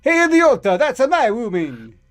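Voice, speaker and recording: A man voicing a brash, hot-tempered male pasta cowboy with a loud Italian accent, in a live reading of a story. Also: very high-pitched, wildly swooping pitch, moderate pace, pitched above the performer's own voice, exaggerated voice. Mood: angry. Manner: loud, blustering.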